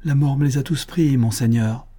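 A man's voice: medium pitch, moderate pace, dark tone, voice pushed up, natural voice. A man reading an audiobook, voicing a humble, grieving forest keeper who speaks with deference and emotion. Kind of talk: audiobook character voice.

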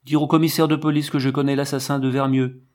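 A man's voice: medium pitch, level tone, fast talker, darkish tone, voice pushed up, natural voice. A man reading the part of a defiant fifteen-year-old girl who speaks in an indignant, cutting way in a storybook reading. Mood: cold threat.

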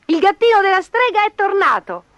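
A woman voicing a group of excited young farm children who shout in a shrill, eager way in a storybook reading. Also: brisk, dry recording, lo-fi sound. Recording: noisy background.

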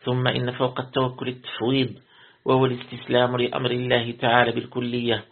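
A man, a sheikh, reading a religious commentary aloud as a lesson. He reads steadily, repeats words to correct himself and slows into chant for quoted verses. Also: medium pitch, completely flat delivery. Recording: tinny lo-fi phone-like recording.

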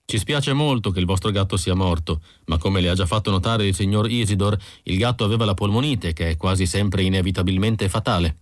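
Male reader as a composed professional man, lowish voice, dry close sound. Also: brisk, few pauses, no room sound, natural voice. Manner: calm, businesslike. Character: smooth professional male clinic worker, composed. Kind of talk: audiobook character voice.

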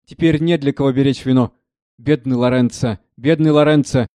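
A man playing a gruff, sentimental old knight. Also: mid-range voice, steady tone, moderate pace, mellow, no room sound, close to an everyday voice. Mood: grieving. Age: older. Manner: grieving, rambling.

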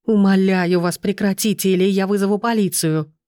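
A woman's voice: mid-range voice, fairly even intonation, moderate pace, mellow, dry recording, studio quality, lightly acted. A woman voicing a panicking middle-aged mother-in-law, begging shrilly for help. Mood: panicked.

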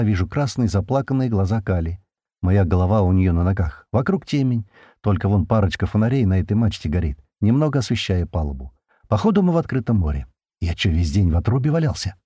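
A man's voice: on the low side, warm tone, husky, dry recording, clean studio sound. A man narrating a first-person audiobook in a colloquial, slangy way.

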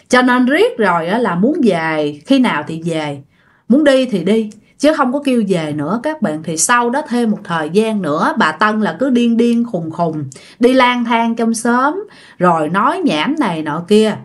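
A woman narrating a ghost story and chatting directly to her listeners. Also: medium pitch.

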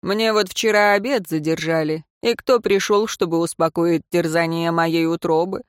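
Woman voicing a gentle, teasing man. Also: a little high, fairly even intonation, normal speed, smooth, no room sound, clean studio sound, close to an everyday voice. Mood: joking. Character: tender, teasing male warrior lover.

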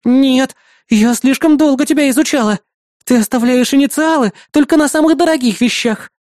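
A man's voice: very high voice, moderate pace, darkish tone, no echo, clean studio sound, voice pushed up. A man voicing a bossy, jealous young woman in an audiobook, scolding and bickering. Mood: indignant. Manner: indignant, bickering. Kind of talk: audiobook character voice.

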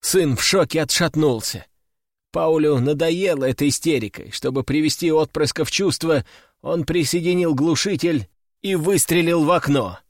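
Male audiobook narrator, measured storytelling, raised pitch, dry booth sound. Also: dry recording. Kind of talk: scripted narration. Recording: dry close studio sound, faint music.

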